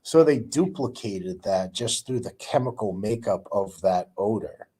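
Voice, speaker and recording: A man's voice: on the low side, lively intonation, a little slow, warm tone, breathy edge. A man hosting a casual live chat, telling rambling stories with lots of groans and fillers.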